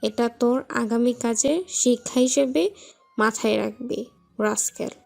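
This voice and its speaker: A woman's voice: fairly high pitch, steady tone, measured pace, gravelly, faint music behind. A woman playing a domineering aunt who scolds and threatens a servant girl. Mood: scolding. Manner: scolding, contemptuous. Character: harsh domineering aunt of the household.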